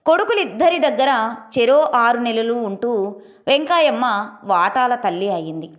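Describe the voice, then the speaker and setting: A woman host narrating a scripted audio story in a calm, steady way. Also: fairly high pitch, measured pace.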